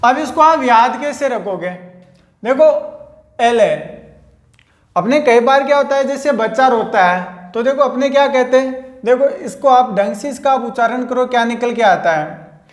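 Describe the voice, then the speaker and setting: Echoey teacher repeating vocabulary. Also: mid-range voice. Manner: explains slowly and repeats each word, spelling it out letter by letter. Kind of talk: online vocabulary lesson with memory tricks.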